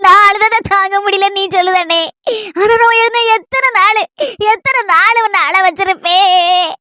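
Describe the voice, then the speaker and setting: A woman's voice: very high-pitched, unhurried, bright, forceful tone, full character voice. Woman playing a tearful, remorseful sister. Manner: tearful, self-reproaching, repeating herself. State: crying. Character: remorseful younger sister, begging forgiveness. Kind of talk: homemade family drama skit.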